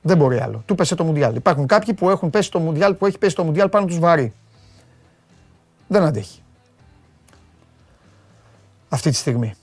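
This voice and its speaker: A man delivering a satirical comic monologue about football, with mocking rants that jump from loud outbursts to low muttered asides. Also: lively intonation, long pauses, dry recording, soft background music. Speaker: comedian doing football commentary.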